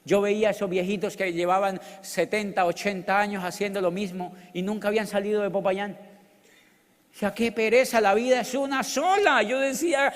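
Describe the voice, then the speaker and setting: A middle-aged man with a Colombian accent, a motivational speaker telling his story in an animated, joking way with loud outbursts. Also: high voice, moderate pace. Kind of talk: storytelling business talk. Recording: long hall reverb.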